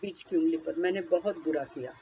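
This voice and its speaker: A woman's voice: low-pitched, a little fast, dark tone, highs cut off, a little hiss or hum. A woman leading a guided tapping session, naming each body point and then speaking a short first-person phrase for the listener to repeat.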